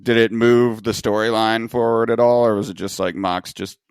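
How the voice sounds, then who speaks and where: Joking New guy, low smooth voice. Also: fairly even intonation, normal speed, no room sound. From Long Island, New York. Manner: loose, joking, swears freely. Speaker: podcast host. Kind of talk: casual chat.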